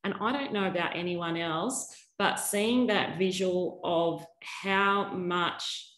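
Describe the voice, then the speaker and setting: A woman's voice: lowish voice, slow pace, fairly bright tone. A woman hosting a conference, effusive and appreciative, repeating phrases for emphasis as she thanks and introduces speakers. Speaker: conference host. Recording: echoey, roomy sound.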